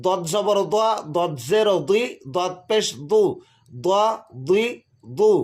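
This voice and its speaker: Guy teaching quran reading, slow sing-song drills, pretty high voice. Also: darkish tone. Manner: slow, drawn-out recitation of letter drills. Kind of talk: slow recited lesson.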